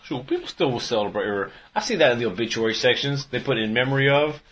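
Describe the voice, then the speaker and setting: A man's voice: mid-range voice, animated, quick pace, a bit bright, slightly rough. A man in his late twenties co-hosting a casual podcast chat, laid-back and full of slang. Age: 20s. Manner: laid-back slangy, says fool often. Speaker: podcast co-host.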